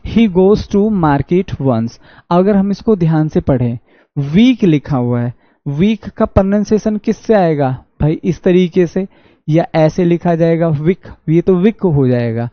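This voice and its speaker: A man with a Haryanvi accent teaching an online exam-prep English class, reading sentences slowly and answering his own questions. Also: high voice, lively intonation, no room sound. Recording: dull dry lo-fi audio.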